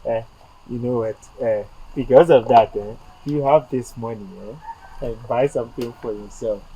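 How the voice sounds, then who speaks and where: A man's voice: medium pitch, moderate pace, muffled recording, a little hiss or hum, lightly acted. A man playing a cocky, boastful teacher. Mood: flirting. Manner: laughing, swaggering, loud exclamations. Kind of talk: low-budget youth drama acting.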